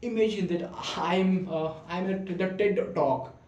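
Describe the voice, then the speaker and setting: A man's voice: sits high, measured pace, a little mellow, echoey room, muffled recording. A man, not a native English speaker, recording himself at home and talking to the camera, hesitant, with many fillers and restarts. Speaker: vlogger practicing speaking. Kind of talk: casual self-recorded monologue. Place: room at home. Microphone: camera in front of him.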